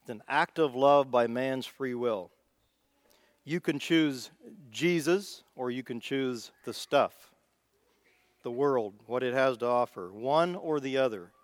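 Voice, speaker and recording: A man's voice: medium pitch, slow pace, dry recording. A man with a Midwestern accent giving an informal, folksy sermon, thinking aloud as he goes. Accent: Midwestern American. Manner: folksy, conversational, thinking aloud with small restarts. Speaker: preacher.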